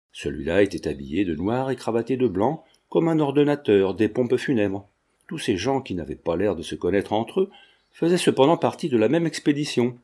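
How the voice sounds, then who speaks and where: A man narrating a classic French novel in a steady, measured reading. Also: mid-range voice. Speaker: audiobook narrator. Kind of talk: scripted narration.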